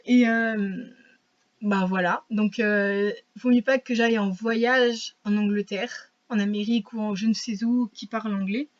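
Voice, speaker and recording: A woman's voice: medium pitch, steady tone, normal speed, hardly any pauses, dull audio. A teenage girl chatting casually to camera, rambling and poking fun at herself with many fillers and restarts. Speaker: vlogger.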